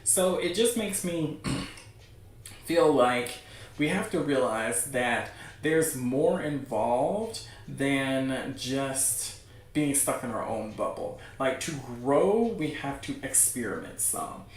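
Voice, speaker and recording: With an expressive, medium-pitched voice and a slow delivery, a livestream host chats informally with viewers and encourages them along. The sound comes from a distant mic in a heavily echoing room.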